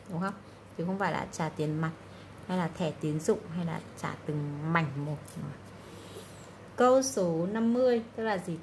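Low-voiced woman teacher explaining exam answers. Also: darkish tone, slight background noise. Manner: explanatory, frequent "đúng không?" check-ins. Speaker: English teacher.

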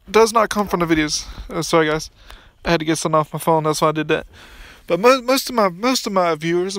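Here the same kind of poolside phone recording captures a young man with a fairly high, bright, smooth voice in dry audio. He's a gaming YouTuber offering loose, rambling commentary on his play, often starting sentences over, with a slightly crude edge.

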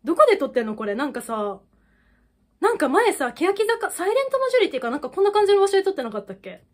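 A woman hosting a reaction video, reacting with excited exclamations and then talking through her thoughts casually. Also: very high-pitched, fast talker.

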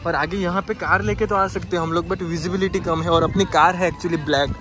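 A man's voice: sits high, fairly even intonation, a little fast. A young man chatting casually to viewers as he vlogs a trip on a foggy rainy hilltop. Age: young adult. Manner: chatty, addresses viewers as guys. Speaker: travel vlogger. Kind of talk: casual travel vlog. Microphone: handheld phone at arm's length. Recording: outdoor phone recording with clear background noise.

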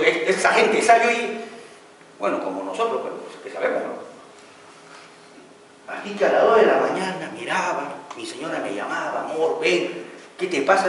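A man teaching building supervision and telling a work story, acting out a quarrel between an architect and an engineer. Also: high voice. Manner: animated storyteller, acts out quarrels. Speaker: construction instructor. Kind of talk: lecture with anecdote. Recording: echoey hall from far off, faint noise.

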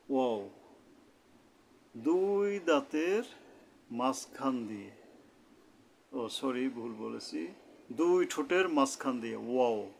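A man with a gravelly voice explains each letter in a slow, careful lesson. He says every sound over and over at an unhurried pace. A faint hiss of noise sits under the recording. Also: mid-range voice. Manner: repeats each letter sound slowly and deliberately. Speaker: Quran recitation teacher.

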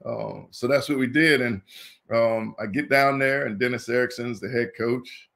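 A man in his fifties from Indianapolis, a former college football player telling stories as an interview guest, in a lively way that acts out the people he quotes. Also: mid-range voice, moderate pace, vocal fry. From Indianapolis, USA. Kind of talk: casual interview storytelling.

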